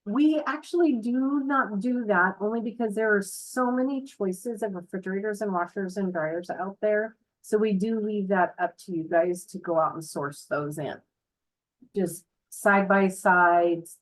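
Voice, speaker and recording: A woman's voice: medium pitch, rough recording. A woman giving a casual, informal house tour as a builder's representative, explaining features in a chatty way. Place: voice-over talking over a tour video.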